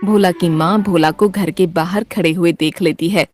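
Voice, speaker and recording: A woman narrating a children's cartoon story in an even, plain storytelling manner. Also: fairly low pitch, normal speed, soft background music.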